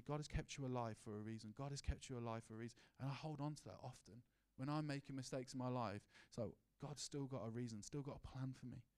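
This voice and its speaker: A man's voice: mid-range voice, dark tone. A man preaching a sermon in an earnest, personal way, asking the congregation questions and sharing his own story. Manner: earnest, personal, with many restarts and rhetorical questions.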